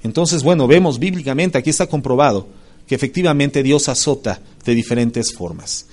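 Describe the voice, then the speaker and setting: A male pastor with a Mexican Spanish accent, preaching a sermon emphatically, rising to loud stresses and dropping to low asides. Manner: spells out Greek word roots slowly.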